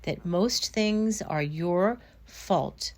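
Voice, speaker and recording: A middle-aged woman therapist calmly explaining self-blame through everyday examples, in a reflective podcast talk. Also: fairly low pitch, very slow.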